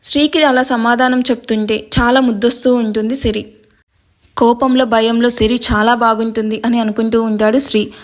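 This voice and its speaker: A woman narrates a romantic serial story in steady, even storytelling. Her voice sits a little high for a woman. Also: normal speed.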